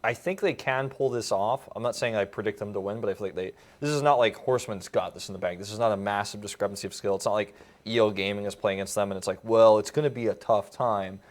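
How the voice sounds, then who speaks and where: Male esports commentator, quick delivery, casual chatter, filler words. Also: fairly low pitch. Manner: chatty, fast, lots of fillers and jokes. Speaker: esports caster.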